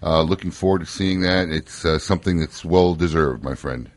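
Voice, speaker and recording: A man's voice: sits low, normal speed, dry recording. A man in his thirties from Chicago hosting a casual radio show, joking and interviewing with plenty of fillers.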